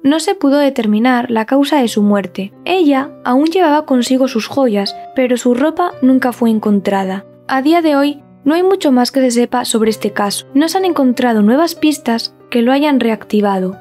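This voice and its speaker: High-pitched female true-crime narrator. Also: lively intonation, normal speed, hardly any pauses, a little mellow, faint music behind.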